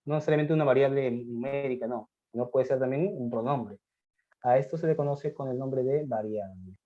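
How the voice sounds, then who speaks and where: Man, math teacher, lecturing, dictating slowly, mellow voice, dull lo-fi recording. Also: mid-range voice. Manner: explains by voicing students' questions and answering them, often slowing to dictate. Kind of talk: classroom lecture on logic. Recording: dull lo-fi sound.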